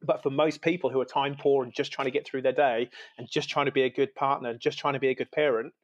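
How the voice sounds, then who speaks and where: A man's voice: medium pitch, fairly even intonation, fast, lo-fi sound. A man originally from the UK, a podcast guest in casual conversation, talking with enthusiasm and laughing often. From United Kingdom. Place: lives in New Zealand.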